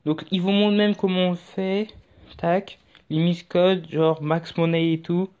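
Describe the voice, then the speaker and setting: A YouTube tutorial host with a high-sitting, steady, clean voice talks a little slowly through a casual tutorial, chatty and rambling with jokey asides. The audio is dull and lo-fi, with faint music.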